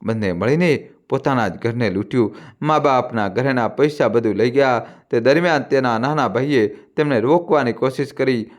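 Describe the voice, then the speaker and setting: A man voicing a sorrowful, secretive old man who speaks slowly and gravely in a hushed voice. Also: mid-range voice, lightly acted.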